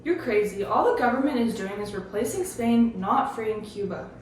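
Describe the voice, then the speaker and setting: A young woman playing a TV news anchor, reading her script in a steady, earnest way. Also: a little high, moderate pace, close to an everyday voice. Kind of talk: amateur school-project skit. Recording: echoey room from far off.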